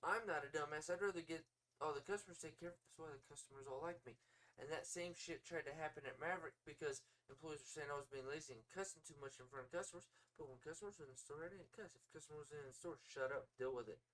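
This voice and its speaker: A man co-hosting a casual podcast chat, profane and brash, swinging into loud outbursts. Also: a little high, fast, a little hiss or hum. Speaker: podcast co-host.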